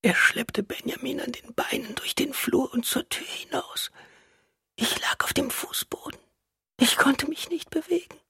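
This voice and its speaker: A man reading an audiobook aloud, voicing a weak, terrified woman in a hospital bed in a faint, breathy whisper. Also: very high voice, a little slow, sharp tone, no echo, clean studio sound, pitched above the performer's own voice, heavily acted. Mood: desperate whisper.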